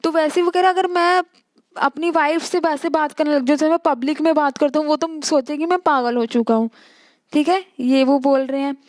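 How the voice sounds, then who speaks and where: High-voiced Indian woman teaching a text. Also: fairly even intonation, a little mellow, no room sound. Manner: reads English lines slowly, then explains in quick Hindi. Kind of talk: Hindi-English lecture explaining a text.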